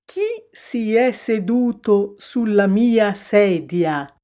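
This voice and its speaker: A woman's voice: medium pitch, animated, drawn-out words, warm tone, voice pushed up. A woman voicing a big papa bear who grumbles indignantly in a storybook reading.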